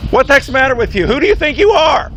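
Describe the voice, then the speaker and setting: Police officer barking commands outdoors. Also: male voice, very high-pitched, sing-song, rapid-fire, fairly bright tone. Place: outdoors on a street. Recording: bodycam audio with faint street noise.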